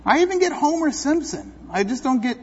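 A man's voice: very high-pitched, expressive, brisk, a little hiss or hum. A man preaching a sermon as pastor, talking in a conversational, self-deprecating way with playful asides to the congregation. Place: church sanctuary. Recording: dull, long-reverb hall recording.

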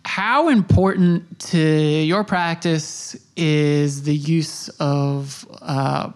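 A woman hosting a casual interview podcast. She asks her questions haltingly, with many fillers and restarts. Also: low-pitched, a little mellow. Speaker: podcast host.

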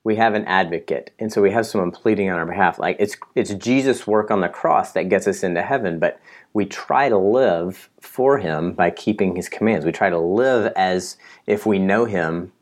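A low-pitched man speaking at a moderate pace co-hosts a podcast, working through a Bible passage in a casual Bible study discussion. He's reflective and self-deprecating, often restarting his sentences.

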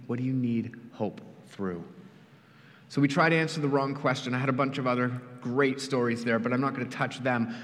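A man preaching a sermon in an earnest, storytelling way, often dropping quiet for emphasis. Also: medium pitch, in a large hall. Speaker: pastor. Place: church.

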